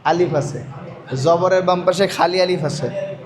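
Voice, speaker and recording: A man's voice: high-pitched, fairly even intonation, unhurried, a crowd in the background. A man teaching Quran reading in a call-and-response lesson, with a patient manner, asking questions over and over. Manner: patient, drills by repeating questions.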